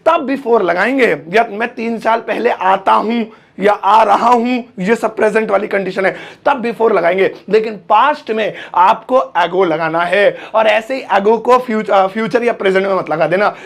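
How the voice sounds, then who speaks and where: Jokey guy teaching english, high gravelly voice, stretches out the example phrases. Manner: playful, jokey, drawls example phrases slowly. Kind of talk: Hindi-language English lesson.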